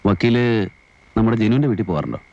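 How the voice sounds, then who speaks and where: An actor playing a quiet, brooding male lodger who speaks softly and briefly in a film drama. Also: lowish voice, animated, quick pace, vocal fry, muffled recording. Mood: subdued. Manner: subdued, few words.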